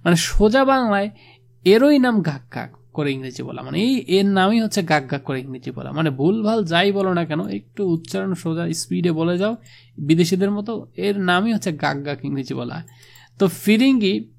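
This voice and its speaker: Gravelly man explaining a lesson. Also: high voice, expressive, normal speed. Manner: casual, conversational, with frequent filler affirmations. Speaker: teacher. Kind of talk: explaining a literature text to students.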